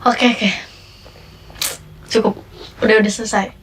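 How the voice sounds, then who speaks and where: A woman's voice: mid-range voice, little pitch movement, measured pace, distant mic, slight background noise. A young woman chatting playfully on a livestream. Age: young adult. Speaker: idol livestreamer. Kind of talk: casual livestream chat.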